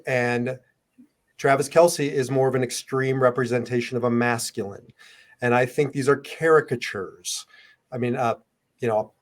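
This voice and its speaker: Podcast co-host, male, mid-pitched, emphatic and opinionated. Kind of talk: casual podcast discussion.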